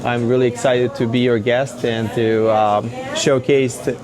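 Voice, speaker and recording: A man in his thirties from Serbia, speaking as a café-owner guest in a casual interview, pausing often with fillers. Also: mid-range voice, little pitch movement, crowd noise. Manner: hesitant, many fillers.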